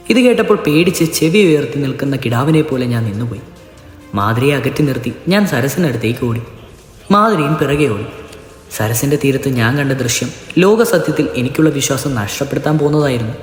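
A man giving a solemn, measured scripted narration of a legend as storyteller. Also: medium pitch, expressive, soft background music. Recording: echoey narration with long reverb.

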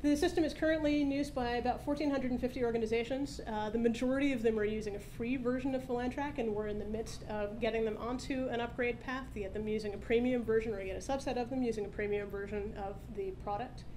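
Woman, 30s, fast-talking demo presenter at a podium mic, higher voice, faint rumble behind. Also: steady tone, mellow, rough recording. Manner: brisk, explanatory, upbeat. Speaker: startup founder presenting a product demo. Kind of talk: live product demo presentation. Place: conference stage at a meetup, indoors. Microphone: podium microphone.

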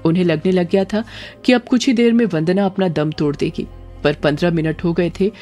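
A woman storyteller narrating a horror story in a steady, dramatic way. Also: fairly low pitch, brisk. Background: faint background music.

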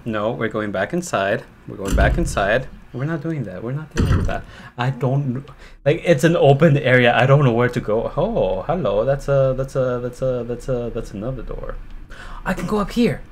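A man's voice: medium pitch, expressive, measured pace, a little hiss or hum. A man streaming a horror game live, talking to himself and cursing in panic as he plays. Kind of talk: live gameplay commentary.

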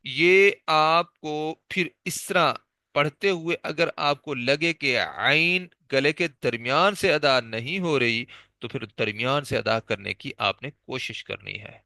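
Bright, clear-voiced male tajweed teacher. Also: fairly high pitch, dry recording, studio quality. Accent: Pakistani Urdu. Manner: patient, repeats letters slowly for drill. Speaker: Quran recitation teacher. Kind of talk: tajweed lesson.

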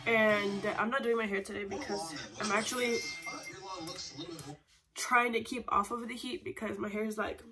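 A woman's voice: fairly high pitch, fairly bright tone, rough recording. A young woman casually chatting to her viewers in a get-ready-with-me vlog, using plenty of fillers, a little stuffy from pollen allergies. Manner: chatty, filler-heavy, addresses viewers as y'all and guys. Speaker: vlogger. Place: at home on the floor, later in her car.

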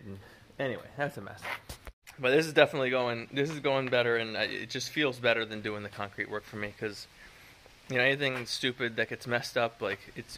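With a phone held out at arm's length, a man in his thirties documents building his house at a construction site in the woods, chatting casually and rambling with fillers and self-mocking asides. His voice is mid-range and sharp.

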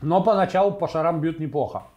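A man in his forties hosting a casual tasting video in a home kitchen on a clip-on mic, thinking aloud in a halting way. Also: fairly high pitch, a little mellow. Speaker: host of a food tasting video. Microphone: lavalier clipped to T-shirt.

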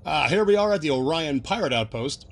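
A man's voice: on the high side, lively intonation, a little fast, fairly bright tone, faint music behind. Chatty man explaining references. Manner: chatty, laughs while explaining. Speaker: video host. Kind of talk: casual recap commentary.

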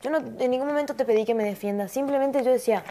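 A woman's voice: a little high, warm tone. A woman with an Argentine accent, a reality show contestant defending herself in a heated argument. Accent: Argentine Spanish. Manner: defensive, rushed explanations.

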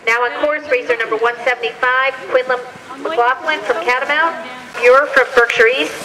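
A woman announcing racer numbers and finish times over a loudspeaker at a ski race. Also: sits high, fairly even intonation, moderate pace, a crowd in the background, poor audio. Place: outdoor ski slope.

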